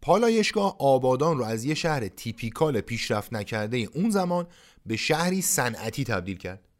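Guy telling a history story on his podcast, chatty asides, mid-pitch voice. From Iran. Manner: conversational, with colloquial asides. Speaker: podcast host. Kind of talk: scripted storytelling narration.

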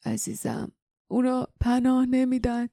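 A dazed, injured man murmurs faint, halting words to someone he loves, as a woman narrator puts him on. His voice is gravelly and dark, held to a flat, weak line, recorded dry and close for an audiobook. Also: a little high, dry recording, voice pushed up. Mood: faint tender. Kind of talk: audiobook character voice.

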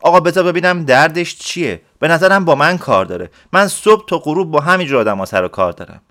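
A man voicing a calm, shrewd, kindly male letter-writer who questions patiently in a storybook reading. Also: on the high side, pitched above the performer's own voice. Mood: patient, coaxing. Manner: patient, coaxing.

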